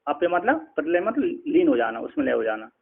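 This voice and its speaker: Gravelly man teaching scripture over lo-fi audio. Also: sits high, very animated, brisk. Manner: repetitive, explanatory, frequent "है ना" checks. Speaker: spiritual teacher. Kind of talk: scripture lecture. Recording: tinny phone-like lo-fi sound.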